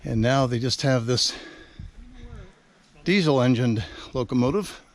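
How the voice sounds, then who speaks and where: A man with a medium-pitched, unhurried voice narrates a relaxed travel vlog outdoors at a railroad overlook. He's winded from the climb but still talks eagerly while walking, showing off the sights in a chatty tour-guide style as outdoor noise plays in the background.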